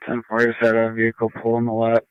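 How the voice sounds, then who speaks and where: A man on an emergency unit speaks in clipped radio codes, heard through a scanner radio. His voice is flat and smooth. The audio is dull and dry. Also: medium pitch, quick pace, dry recording. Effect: scanner radio transmission. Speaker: emergency unit calling dispatch. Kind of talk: radio dispatch traffic.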